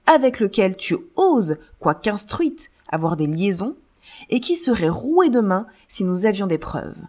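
A woman's voice: mid-range voice, a little mellow. A woman reading as a destitute pleading father. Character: impoverished older man claiming fatherhood, insistent.

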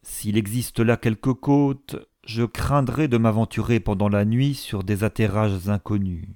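Careful, reasoning naval lieutenant in an audiobook, voiced by a man with a warm, gravelly low tone. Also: fairly even intonation, measured pace, dry recording, studio quality. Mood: cautious. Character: cautious, level-headed young naval lieutenant. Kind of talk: audiobook character reading.

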